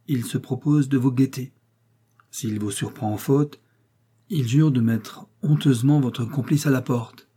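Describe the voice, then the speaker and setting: A man's voice: mid-range voice, mellow, husky, natural voice. Man voicing an aging lovesick widow. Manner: earnest, emotional pleading. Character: aging widow, gentle, secretly lovesick, easily wounded.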